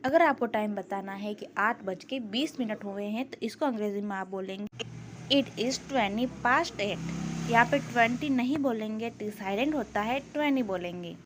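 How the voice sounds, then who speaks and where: A woman teaching English, explaining in Hindi and saying each English phrase slowly and carefully. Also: mid-range voice, noisy background. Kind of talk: spoken English lesson in Hindi.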